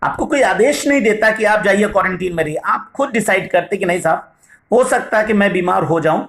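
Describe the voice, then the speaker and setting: A man teaching English vocabulary in a video lesson, explaining patiently, reading English examples slowly and often asking "right?". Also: high-pitched, expressive, fairly bright tone. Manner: addresses viewers as "sahab", frequent "right?".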